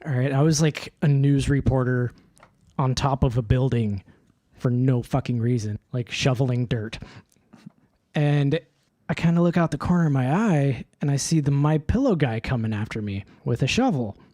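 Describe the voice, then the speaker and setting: A man's voice: medium pitch, moderate pace, dry recording. A young man co-hosting a podcast, casually telling stories with lots of laughing and swearing. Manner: laughing, swearing, animated storytelling. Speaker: podcast co-host. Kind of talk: casual chat. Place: studio.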